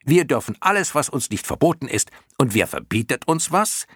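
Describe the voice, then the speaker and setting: A man voicing a swarm of tiny, rowdy clown moths that shout cheekily, in a storybook reading. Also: big pitch swings, normal speed, husky. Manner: shrill, loud and cheeky.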